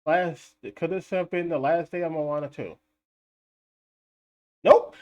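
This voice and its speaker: A live streamer argues insistently about box office figures, repeating points, firing rhetorical questions at doubters and mockingly laughing at critics. The voice is middle-pitched, steady, slow and a little mellow, with lo-fi sound.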